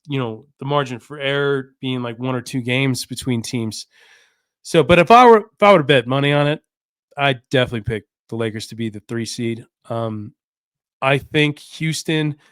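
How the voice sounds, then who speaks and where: A man's voice: medium pitch, clean tone, dry recording, clean studio sound. A man hosting a casual solo sports podcast, talking in a loose, rambling way with lots of fillers and restarts.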